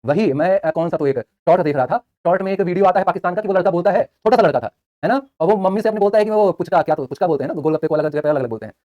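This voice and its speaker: A man's voice: sits high, racing, few pauses, lo-fi sound. A young man teaching a live online class, chatty, joking between facts and repeating answers for students.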